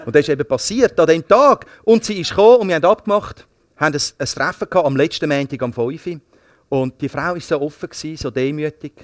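High-voiced Swiss German preacher, dry sound. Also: male voice, quick pace, dry recording. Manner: lively storytelling, repeats words, swings from hushed to loud. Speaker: pastor. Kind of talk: sermon.

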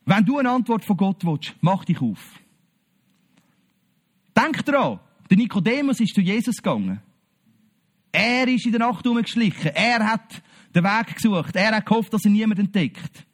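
A man with a Swiss German accent preaching a sermon to his congregation, animated, acting out the Bible scenes in quoted voices. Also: high voice, normal speed, pauses often.

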